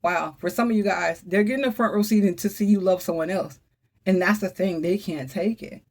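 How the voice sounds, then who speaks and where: A woman's voice: medium pitch, fairly quick, darkish tone. A woman doing a casual tarot reading for her viewers, with a mid-range voice. She talks in a chatty, emphatic way, speaks straight to the camera audience and keeps exclaiming as she goes. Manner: talks straight to viewers, calls on the Holy Spirit. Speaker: tarot reader.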